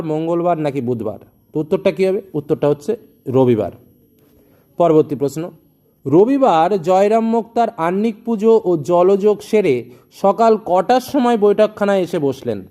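A man's voice: sits high, expressive, moderate pace, dark tone. A male tutor reading exam questions with their options and then giving the answers, speaking directly to students. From West Bengal, India.

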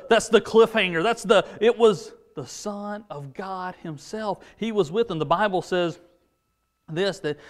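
A man in his forties telling a Bible story to children at a pulpit, animated, with frequent restarts. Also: sits high. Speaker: junior church preacher. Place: indoor studio set at a pulpit.

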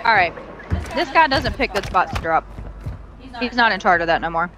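Woman gaming on stream, telling the guys to calm down, lively voice, loud noisy audio. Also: medium pitch, moderate pace. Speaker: streamer playing with her husband. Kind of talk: casual game chat.

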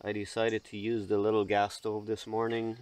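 A man's voice: on the low side, background noise. A young man who is not a native English speaker, talking casually to the camera by a river, often repeating words. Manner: halting, repeats words, relaxed. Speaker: vlogger. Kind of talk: casual solo camping vlog. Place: outdoors by a river. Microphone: camera mic close in front. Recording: outdoor camera audio, faint birds and insects.

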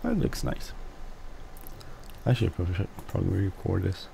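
A man whose first language is Swedish, speaking English with a Swedish accent as he hosts casual gameplay commentary, mumbling and halting with many restarts. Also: low voice, big pitch swings, gravelly, dark tone, slight background noise, poor audio. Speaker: let's play host.

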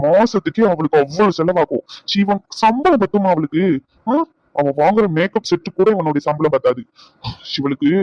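Cartoon snob brother, voiced by a man, fast, lecturing, dull dry lo-fi sound. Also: fairly high pitch, darkish tone, no room sound, lightly acted. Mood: scheming. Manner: lecturing, scornful, domineering. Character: scheming proud older brother, snobbish and controlling.

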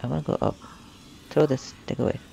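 A man giving casual let's-play commentary, grumbling and joking at the game. His voice has a gravelly fry at a middle pitch. Faint noise sits behind him. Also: steady tone, fast, warm tone. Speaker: gamer.

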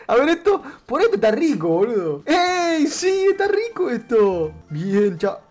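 A man with an Argentine Rioplatense accent giving let's-play commentary, excitable, swearing a lot and shrieking at scares. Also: very high-pitched. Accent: Argentine Rioplatense Spanish. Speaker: gamer.

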